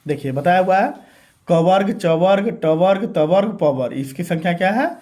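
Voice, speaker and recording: A man's voice: high-pitched, animated, moderate pace, a little mellow. A man teaching Hindi grammar step by step, asking the class questions and answering them himself. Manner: repetitive, step-by-step explaining. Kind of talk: classroom lesson.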